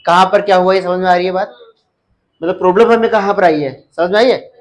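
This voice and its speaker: Talking fast in a high-pitched, steady voice, a man leads a live nursing exam class. He lectures, questions the students over and over, and repeats the key terms. Audio quality is poor.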